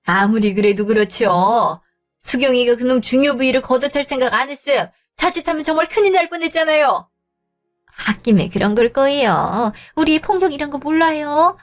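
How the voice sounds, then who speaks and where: An indignant, protective mother in a radio-style drama, voiced by a woman. She fusses and scolds in a fairly high voice, with light music behind her. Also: expressive, normal speed. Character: worried older mother, fiercely protective. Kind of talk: scripted audio drama.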